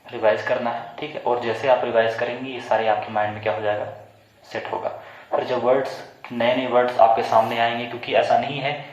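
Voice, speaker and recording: A man's voice: mid-range voice, level tone, a little fast. A male teacher giving a classroom pronunciation lesson, quizzing his pupils and spelling words out letter by letter before repeating them. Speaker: English teacher. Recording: echoey room, muffled sound.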